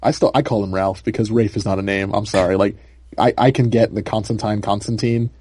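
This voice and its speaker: Brief: young male podcast co-host, low mellow voice, loose rambling delivery full of "like" and "um". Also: fairly even intonation, fast, breathy edge. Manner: rambling, filler-heavy, laughs often. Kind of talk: casual chat.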